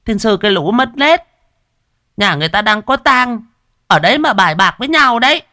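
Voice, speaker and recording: A man's voice: high-pitched, lively intonation, a little fast, bright, forceful tone, no room sound, clean studio sound, pitched above the performer's own voice, heavily acted. A man voicing a cranky old village woman who shrilly scolds gamblers at a funeral. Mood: scolding.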